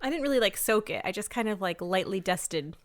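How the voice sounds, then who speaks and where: A woman's voice: medium pitch, expressive, a little fast, dry recording. Young Canadian woman, podcast co-host; chatty, filler-heavy, dry close sound. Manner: chatty, laughing, many "like" fillers. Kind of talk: casual chat.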